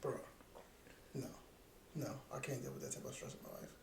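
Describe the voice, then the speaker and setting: A man in his thirties co-hosts a podcast, chatting casually in a laid-back, joking manner with lots of swearing. His mid-range voice is brisk, creaky and darkish, with fairly even intonation, recorded in an echoey room with faint ambient noise.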